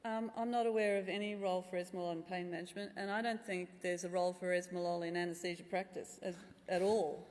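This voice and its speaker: A woman's voice: on the low side, steady tone, fast talker, few pauses, a little mellow. Woman speaker in an echoey hall. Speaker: anaesthetist, conference speaker. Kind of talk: answering audience questions after a medical talk. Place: large conference room. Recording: echoey hall with long reverb.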